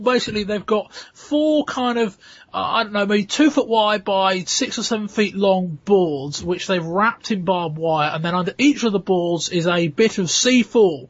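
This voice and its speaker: A man with a hoarse, thick sore-throat voice, hosting a podcast and recapping events. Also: sits high, no room sound, highs cut off. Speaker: podcast host. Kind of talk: scripted match recap and casual hosting.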